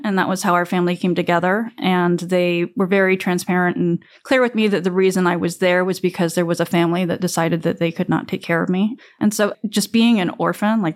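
Woman, 40s, interviewee, reflective personal storytelling, casual fillers, low pitch.

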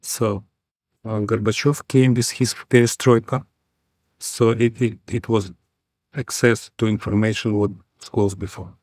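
A man with a Ukrainian accent telling about his youth in an interview, deliberate and plain. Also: lowish voice, flat delivery, darkish tone, no echo. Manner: deliberate, plain, occasional fillers. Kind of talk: interview storytelling.

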